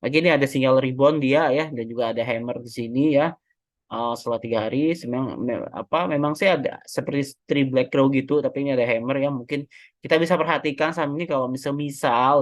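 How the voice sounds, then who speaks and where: Seorang pria Indonesia membahas analisis teknikal saham dengan santai, sering mengoreksi angka dan memakai banyak kata pengisi. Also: male voice, medium pitch, fairly even intonation, brisk, dry recording. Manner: chatty, self-correcting, many fillers. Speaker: stock market analyst. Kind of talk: casual technical analysis walkthrough.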